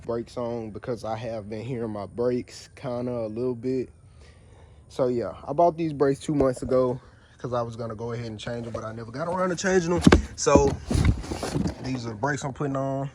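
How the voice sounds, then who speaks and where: Fixing a truck outside, this man narrates relaxed how-to commentary for his DIY repair vlog, pointing out details as he goes. His mid-range voice moves a little fast, captured on a noisy outdoor phone video.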